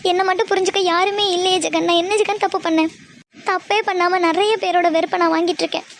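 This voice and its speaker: Tearful, lonely young woman, a woman voicing her for a homemade cartoon; very high, fast, pleading. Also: steady tone. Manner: pleading, sobbing tone. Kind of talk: amateur cartoon voice acting.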